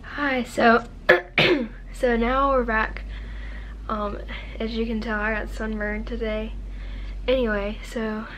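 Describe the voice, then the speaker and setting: A teenage girl, chatting casually to her phone camera at home, relaxed and chatty with fillers. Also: on the high side, slow pace. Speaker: vlogger. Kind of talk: casual vlog talk. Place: indoors at home, plain wall. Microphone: phone camera at arm's length. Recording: dull lo-fi sound with background noise.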